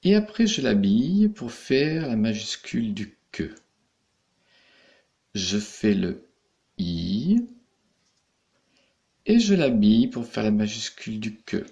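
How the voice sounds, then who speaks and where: A man's voice: on the low side, sing-song, slow, creaky, pauses often, darkish tone, highs cut off. A man teaching young pupils in a recorded lesson, patiently explaining each step. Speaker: primary school teacher.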